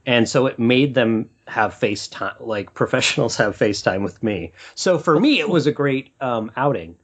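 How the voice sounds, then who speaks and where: A man co-hosting a movie podcast, telling stories in a rambling, animated way. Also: medium pitch, normal speed, slightly rough. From Utah. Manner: rambling storyteller, animated when excited. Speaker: podcast co-host. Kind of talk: casual podcast chat. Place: Portland, Oregon.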